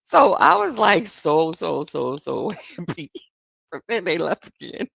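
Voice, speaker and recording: A woman's voice: deep voice, sing-song, measured pace, gravelly, fairly bright tone, slightly rough, dry recording, highs cut off. A woman hosting a live chat, telling family stories with frequent laughter. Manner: storytelling, laughs often, grows sombre. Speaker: host.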